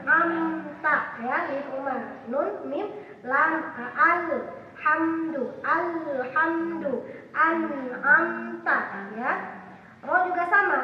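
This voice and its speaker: High-voiced woman teaching in an echoey hall. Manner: quizzes the class, then repeats sounds slowly in drawn-out demonstrations. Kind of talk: classroom teaching. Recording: echoey hall, far from the mic, dull sound.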